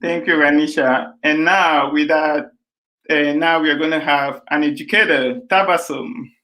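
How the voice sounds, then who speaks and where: A man's voice: fairly high pitch, fairly even intonation, unhurried, bright, forceful tone. A man from Jamaica hosting a panel discussion, enthusiastic and talking with fillers. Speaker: host.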